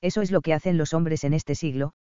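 A man voicing a fierce medieval highland warrior in an audiobook, stern and commanding, speaking low and measured. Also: steady tone, mellow, smooth, no echo, muffled recording, natural voice. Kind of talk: audiobook character reading.

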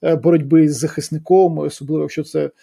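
A man's voice: a little high, level tone, fast, gravelly, warm tone, slightly rough. A man co-hosting a casual football podcast, explaining points and telling stories at length. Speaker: podcast co-host.

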